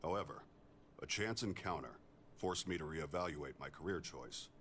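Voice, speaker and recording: An augmented ex-soldier engineer, game character, very deep voice, measured, even, plainspoken. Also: male voice, slight background noise. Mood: calm. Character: augmented male ex-soldier engineer, calm and composed. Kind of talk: video game character dialogue.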